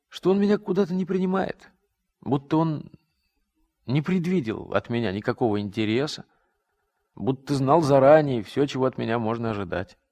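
A man's voice: medium pitch, a little mellow. A man narrating a first-person story in a radio drama, in a reflective, rueful tone.

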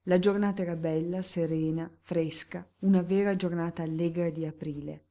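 A woman narrating an audiobook in a measured, even storytelling manner. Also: lowish voice. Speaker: audiobook reader. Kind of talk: scripted narration.

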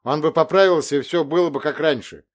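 Man voicing a sulky teenage boy, raised pitch, loud accusing outbursts, audiobook reading. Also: fast talker, close to an everyday voice. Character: sullen teenage boy, defiant and tearful.

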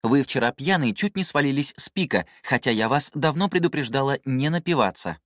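A man's voice: medium pitch, expressive, brisk, fairly bright tone, dry recording, clean studio sound, voice pushed up, close to an everyday voice. A man putting on a prim female system voice. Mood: offended. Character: female magical system voice, stern and scolding.

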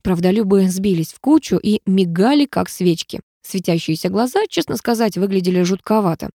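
A woman narrating an audiobook in lively first-person storytelling. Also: medium pitch, brisk, dry recording, clean studio sound.

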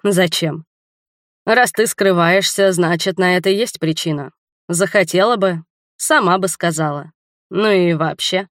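A woman voicing a drowsy, teasing young male spy in an audiobook, speaking low-key and unhurried. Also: fairly bright tone, no echo, clean studio sound. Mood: quiet.

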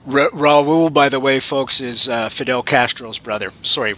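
A man's voice: medium pitch, measured pace, sharp tone, slight background noise. A man hosting a radio show in a casual, conversational style. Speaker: radio host.

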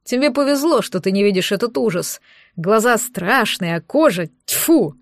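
A woman voicing a blunt, grumbling male werewolf warrior in an audiobook, speaking forcefully. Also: sits high, lively intonation, normal speed, dry recording, clean studio sound. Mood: gruff.

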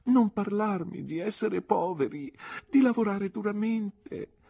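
A woman reader puts on a frightened, childish young wife, high and plaintive, swinging into a pleading whine and petulant protests. The voice is husky and close, in a dry, dead booth for a storybook audiobook. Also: expressive, measured pace, warm tone, dry recording, full character voice.

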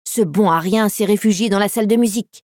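A woman's voice: mid-range voice, fast, a little mellow, dry recording, studio quality, natural voice. A woman voicing a bold young male puppy who acts as the leader of the pack, in an eager, commanding manner.

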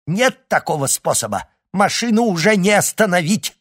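A man voicing a terrified old inventor who wails and pleads in a high, panicky voice for an audiobook. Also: big pitch swings, normal speed, fairly bright tone, husky, heavily acted. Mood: frantic. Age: older. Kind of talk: audiobook character voice.

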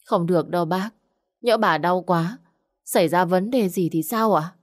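A woman's voice: fairly low pitch, normal speed, dry recording, studio quality, natural voice. A woman voicing a poor young village girl who speaks politely and pleads. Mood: pleading.

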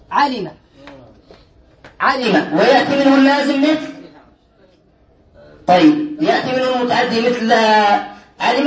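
A man teaching a grammar class, lecturing and constantly quizzing his students to check they follow. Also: extremely high pitch. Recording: echoey room, mic far off.

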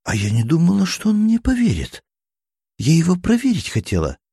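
A naive young girl, flustered and halting, speaking higher than the narrator's own voice, as a man puts her on. The read is dry and close to the mic, a storybook reading. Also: huge pitch swings, vocal fry, mellow, slightly rough, dry recording, exaggerated voice. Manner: raised pitch, hesitant, halting.

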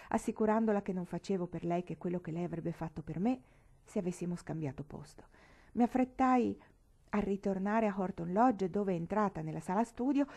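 A woman reading a novel aloud as an audiobook, in measured, clear storytelling. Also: medium pitch, mellow. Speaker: narrator.

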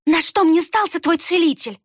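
A woman's voice: high-pitched, lively intonation, extremely slow, no echo, clean studio sound, voice pushed up, exaggerated voice. A woman reading an audiobook voices a cunning female fox killer who speaks venomously and sneers. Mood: venomous fury. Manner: hissing, spiteful, sneering.

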